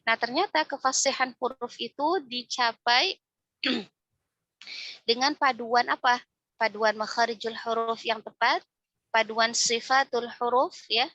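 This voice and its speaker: Woman teaching quran reading, bright voice a bit high, dry dull-ish recording. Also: no echo. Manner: explains step by step, frequent tag "ya", demonstrates recitation aloud. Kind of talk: religious class lecture.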